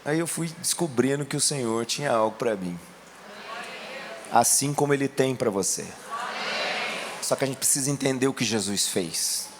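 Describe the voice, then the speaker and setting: A Brazilian man preaching a sermon, telling a testimony in a colloquial way and rising to shouts. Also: medium pitch, normal speed, pauses often, background noise. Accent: Brazilian Portuguese. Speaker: pastor.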